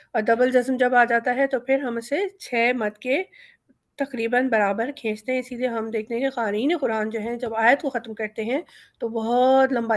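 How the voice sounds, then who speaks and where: A woman teaching a Quran recitation lesson, explaining rules briskly and reciting each example word slowly. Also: on the high side.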